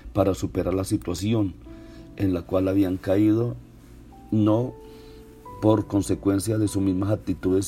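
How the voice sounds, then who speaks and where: A man preaches a sermon in a low, mellow voice. He speaks earnestly and repeats key words for emphasis. Faint guitar music plays softly behind him. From Colombia. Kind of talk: radio-style sermon.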